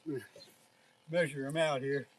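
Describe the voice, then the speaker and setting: A man livestreaming a catch from a riverbank outdoors, excited and out of breath, exclaiming often. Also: mid-range voice, moderate pace, a little hiss or hum. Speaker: fishing livestreamer. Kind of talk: live fishing stream chat.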